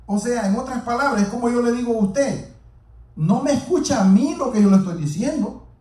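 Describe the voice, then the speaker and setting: A man's voice: very high voice, lively intonation, fairly quick, a little mellow. A man preaching a sermon, speaking earnestly and repeating himself as he addresses the congregation directly. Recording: roomy echo, mic far off.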